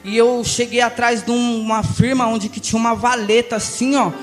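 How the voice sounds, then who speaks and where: A young Brazilian man giving an emotional church testimony, passionate and swinging between hushed and loud. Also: extremely high pitch, flat delivery, moderate pace. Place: large church hall. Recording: reverberant church hall with music.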